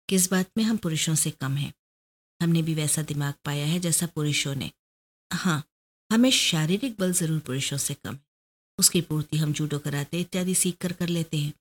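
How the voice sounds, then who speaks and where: A woman voicing a proud, determined young woman detective who pleads her case earnestly. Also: low-pitched.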